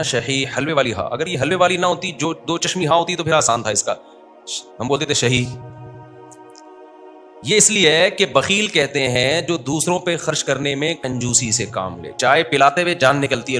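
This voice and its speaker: A man delivers a sermon in a mosque with a bright, clear voice that sits somewhat high. He talks to the crowd, asking questions and answering them himself. Soft music plays faintly underneath. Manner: scolds listeners who look away. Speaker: mufti giving a mosque lecture.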